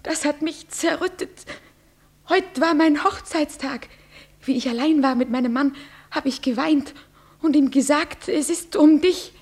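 Brief: devoted, frightened young bride in a radio play; breathy, high-ish, slow and pleading. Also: female voice, a little mellow. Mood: despairing. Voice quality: breathy, often whispering. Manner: pleading, trembling. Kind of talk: classic radio play acting.

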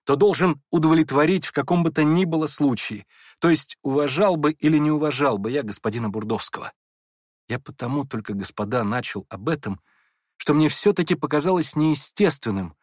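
A man's voice: mid-range voice, no echo, clean studio sound, natural voice. A man voicing a meek, kind young prince who speaks hurriedly and apologetically. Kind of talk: audiobook character voice.

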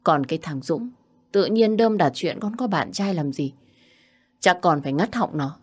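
Brief: storybook mother, soft and patient, low voice, voiced by a woman. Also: normal speed, slightly rough. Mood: coaxing. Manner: calm, coaxing. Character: caring middle-aged mother, gently persuasive.

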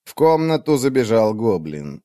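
A man narrating a fantasy story in a steady, even reading. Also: medium pitch, normal speed, dry recording, clean studio sound. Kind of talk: scripted audiobook narration.

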